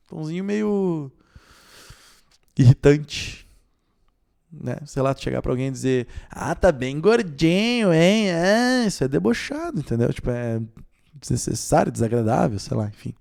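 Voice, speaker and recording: A young man, teaching an exam-prep video lesson, lively and explanatory, asking rhetorical questions and stressing key words. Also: on the high side, normal speed, creaky, long pauses.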